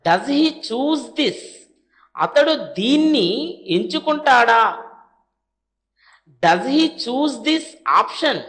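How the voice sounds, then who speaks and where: Slow, deliberate Telugu-accented woman teacher. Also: sits high, animated, a bit bright. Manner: reads English sentences very slowly, then Telugu translations; brisk asides to "friends". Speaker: spoken English teacher. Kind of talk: language lesson drilling sentences.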